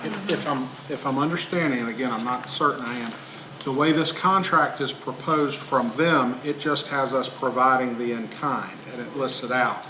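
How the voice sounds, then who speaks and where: A man's voice: medium pitch, moderate pace. A man asking questions at a public meeting, phrasing things tentatively and carefully as a board member. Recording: echoey noisy room, distant mic.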